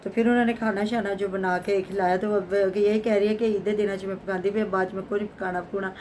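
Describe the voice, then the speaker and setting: This vlogger is a chatty, devout middle-aged woman who keeps sprinkling blessings into her casual commentary. She speaks fairly quickly in a steady, mid-range, slightly mellow voice, over a faint background hiss.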